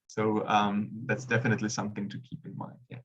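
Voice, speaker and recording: A man's voice: fairly low pitch, completely flat delivery, fairly quick, a bit bright, lo-fi sound. A man from the Republic, speaking hesitantly with many fillers as a panelist in a webinar discussion. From Czech Republic.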